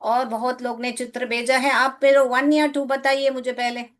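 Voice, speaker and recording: Woman, teacher from India, live online lesson, high voice, coaxing, asks lots of questions. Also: level tone, moderate pace. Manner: coaxing, calls students "beta", asks questions. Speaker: English teacher. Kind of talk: live online class explained in Hindi.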